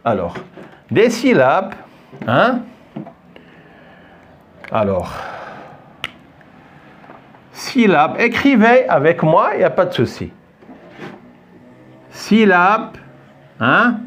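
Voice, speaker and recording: An older French teacher leads a recorded French pronunciation lesson at an unhurried pace, patiently repeating key words and often checking that his pupils understand. His somewhat high, fairly bright voice swings widely in pitch as he stresses each syllable. Along the way he praises and questions a young pupil.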